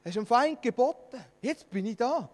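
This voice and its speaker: A man with a Swiss German accent preaching a sermon, fervent and swinging between hushed and loud passages. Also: very high voice, lively intonation, moderate pace, big-room sound.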